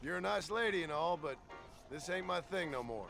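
A man's voice: a little high, animated, normal speed, vocal fry, a bit bright, faint music behind. A man playing a world-weary, wry gunslinger in a western video game, dry and laconic. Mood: wry, guarded.

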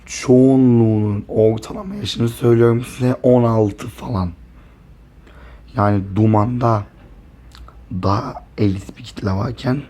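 A hoarse man chatting casually to camera in a vlog, talking softly and rambling to spare his voice. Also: fairly low pitch. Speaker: vlogger.

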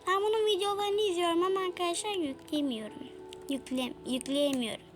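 A woman's voice: extremely high pitch, brisk, faint music behind. A woman giving casual let's-play commentary, chatty and exclaiming as she talks to her viewers. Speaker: gaming YouTuber.

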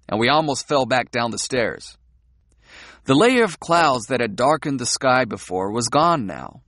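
A man narrating a novel in a calm, measured first-person audiobook reading. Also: medium pitch, dry recording, studio quality.

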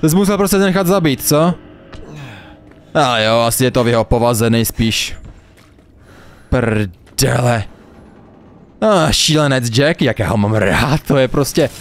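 A young man commenting on his own gameplay in a let's play, animated, swearing and laughing often. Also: mid-range voice, long pauses. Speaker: gamer, let's play host.

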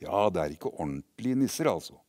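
A man voicing a patient, gently teasing older girl who looks after a little boy in a story. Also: low-pitched, big pitch swings. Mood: kind.

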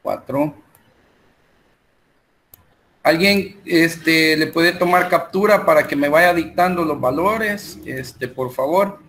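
A male teacher with a Salvadoran Spanish accent, speaking in a somewhat high voice at a slow, unhurried pace. He talks his students through numbers and a spreadsheet in an online lesson. He often pauses on fillers as he works. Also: a little hiss or hum. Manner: talks slowly while working through numbers and software, with many fillers. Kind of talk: online math lecture.

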